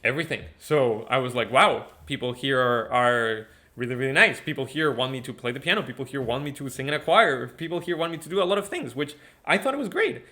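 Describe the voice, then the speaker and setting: A man's voice: mid-range voice, a little fast, few pauses. Young guy from ecuador, laid-back chatty guest, lots of ums and repeats. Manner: relaxed, chatty, frequent fillers and repeats. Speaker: guest musician. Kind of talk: casual interview talk.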